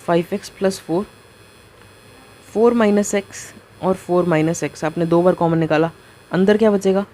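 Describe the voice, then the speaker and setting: A man giving a casual math lecture, talking through each step as he writes and keeps asking the viewer quick rhetorical questions. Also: high-pitched, warm tone. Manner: talks through each step while writing. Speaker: math teacher.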